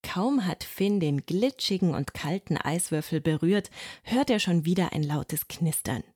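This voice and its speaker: A woman narrating a children's storybook in a calm, gently expressive reading. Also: fairly low pitch, unhurried, slightly rough, dry recording, studio quality.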